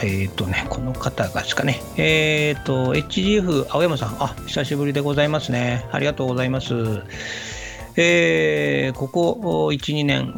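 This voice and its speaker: Give me a man with a gravelly voice, chatting politely as a radio host over faint music. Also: medium pitch. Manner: polite, unhurried, many fillers and 'ne' tags. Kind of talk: casual radio talk. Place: radio studio.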